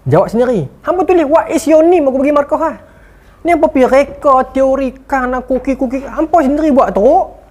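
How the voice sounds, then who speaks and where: A man's voice: very high-pitched, a little fast, darkish tone, pitched above the performer's own voice. Man doing a blunt scolding lecturer. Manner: scolding, mocking. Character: blunt eccentric male university lecturer scolding students.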